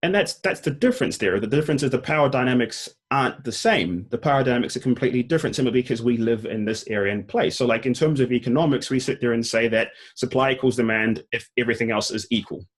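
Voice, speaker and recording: A man with a New Zealand accent, co-hosting a casual debate, talking in rapid bursts with many "like" fillers and restarts. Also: mid-range voice, breathy edge. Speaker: co-host.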